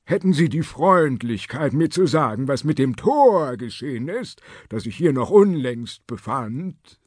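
A man voicing a weary, old-fashioned male vampire who speaks slowly and formally with a breathy tone in a storybook. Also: mid-range voice, animated, darkish tone, no room sound, pitched above the performer's own voice. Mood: polite weary. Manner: slow, formal and genteel. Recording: dry studio audiobook.

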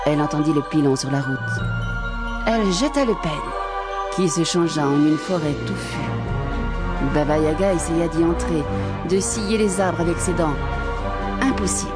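Woman storybook narrator, lowish voice, expressive. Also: normal speed, long pauses, loud music behind the voice. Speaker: audiobook narrator.

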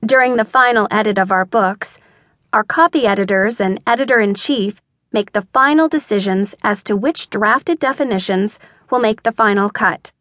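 Brief: a woman reading out a letter, even and measured, in a dry booth. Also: medium pitch, no echo. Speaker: audiobook narrator. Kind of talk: scripted narration.

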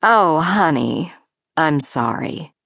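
A woman voicing a calm, unflappable artist mother who speaks in a soft, measured, low tone. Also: no room sound, clean studio sound.

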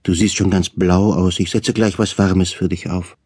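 Male reader voicing old female housekeeper, quiet and caring, low warm delivery. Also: flat delivery, moderate pace, slightly rough. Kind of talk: audiobook character reading.

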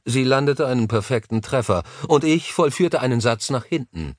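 A man narrating an audiobook, reading a fantasy story and its author's foreword in a measured, even way. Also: mid-range voice, no echo, studio quality. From Germany.

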